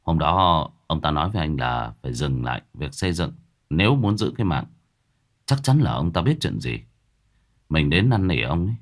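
Guy doing a worried young builder, lowish voice, anxious but determined. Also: big pitch swings, normal speed, full character voice.

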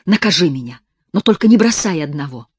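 A woman reading an audiobook, voicing a trembling young man who pleads softly and hoarsely. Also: deep voice, lively intonation, fairly quick, dry recording. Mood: pleading.

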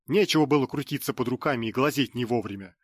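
A man's voice: mid-range voice, quick pace, no echo, clean studio sound, close to an everyday voice. A man reading an audiobook voices an arrogant young nobleman who sneers and dismisses others. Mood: sneering defiance.

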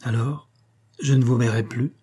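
A man's voice: medium pitch, a little fast, dark tone, husky, lightly acted. Man reading as a timid, tearful orphan boy. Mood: humble, sad. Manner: humble, pleading.

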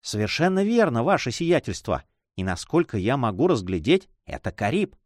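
A shrewd, loyal old-world majordomo, read by a man, deferential and reassuring. His voice is lively in pitch, and the sound is dry and close. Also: moderate pace, dry recording.

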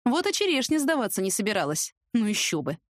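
A woman narrating an audiobook in the first person, lively and sarcastic, with an expressive delivery. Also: mid-range voice, fast, no echo, clean studio sound.

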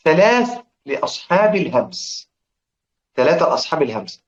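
A man's voice: fairly high pitch, very animated, fairly quick. A man with an Egyptian accent teaching a lesson on Quran recitation rules. He quizzes his students, answers his own questions and chants lines of verse. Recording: echoey, dull lo-fi room recording.

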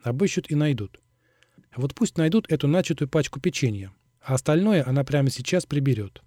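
Dark-voiced male audiobook narrator. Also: fairly high pitch, brisk, no echo, studio quality. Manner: steady, even reading. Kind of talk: scripted narration.

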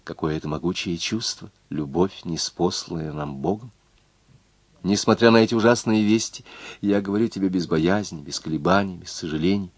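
A devoted young noblewoman in love, speaking with fervent tenderness, as a deep-voiced male reader puts her on. The sound is close and dry, with no room around it. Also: moderate pace, slightly rough, dry recording. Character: young noble woman, devoted, passionate lover. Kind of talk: audiobook reading of a novel.

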